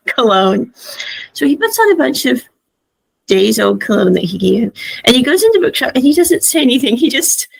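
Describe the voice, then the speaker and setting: Husky, chatty woman recapping a show. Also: fairly high pitch, low-quality recording. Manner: chatty, laughs often, acts out quotes. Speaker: series reviewer. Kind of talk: casual recap and commentary.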